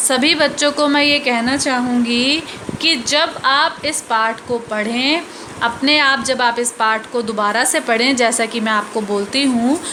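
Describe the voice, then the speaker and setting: A woman's voice: high-pitched, pushed and bright, a little hiss or hum. A woman teacher giving a grammar lesson to children, carefully spelling out each sound and repeating every example.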